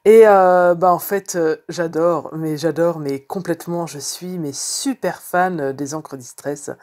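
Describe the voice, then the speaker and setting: A woman's voice: low-pitched, fairly even intonation, unhurried, a little mellow. A woman chatting casually in a craft vlog, rambling with many fillers and restarts. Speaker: card-making crafter.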